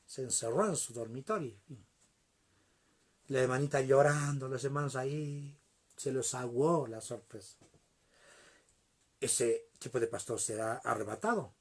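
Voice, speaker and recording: A man preaching a sermon, telling a story in an animated way and addressing the congregation directly. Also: mid-range voice, a little slow, long pauses.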